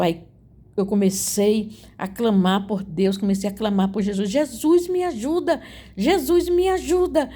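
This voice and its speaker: A woman's voice: mid-range voice, darkish tone. A woman giving an emotional religious testimony. She talks earnestly, repeats her phrases and keeps turning to her listeners. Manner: earnest, repetitive, addresses listeners as "gente".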